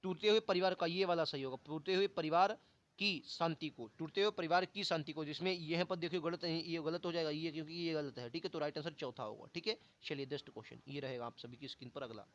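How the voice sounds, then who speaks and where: A man's voice: on the high side, fast. A man teaching Hindi for an exam, who asks questions and answers them himself, repeats key words, and calls his viewers brother and friends in a colloquial way. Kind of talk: online exam-prep lesson. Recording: dull lo-fi audio.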